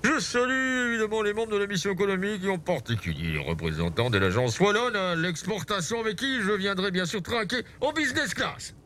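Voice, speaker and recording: A man's voice: sits high, lively intonation, fairly quick, hardly any pauses, bright, forceful tone, slight background noise. A man voicing a jovial airline captain making a formal cabin announcement from the cockpit. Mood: mock-formal.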